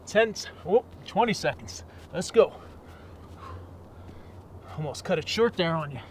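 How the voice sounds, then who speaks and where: A man's voice: high voice, animated, unhurried, slight background noise. A man working out as an aerobics instructor, energetically calling out counts and short motivating commands while exerting himself outdoors. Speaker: fitness instructor. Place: outdoors in a national park.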